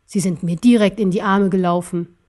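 A woman voicing an arrogant, cruel ancient emperor in an audiobook, speaking slowly and scornfully. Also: medium pitch, fairly even intonation, a little mellow, lightly acted. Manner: slow, scornful and gloating. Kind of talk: audiobook character voice.

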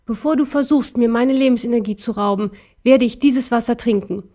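A woman's voice: fairly high pitch, brisk, warm tone, natural voice. A woman voicing a small, brave, stitched-together male teddy bear who speaks urgently and defiantly.

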